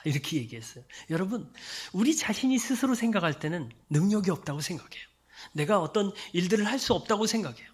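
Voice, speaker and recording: A pastor preaching a sermon in a church, swelling loud on quoted words and dropping to a whisper on others. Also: mid-range voice, expressive, fast, husky. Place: church sanctuary.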